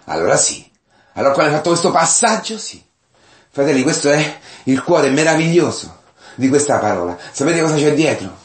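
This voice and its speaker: A man preaching a sermon in a church, animated, swinging between loud and hushed, putting questions to his listeners. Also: a little high, brisk, reverberant. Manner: addresses listeners directly with rhetorical questions.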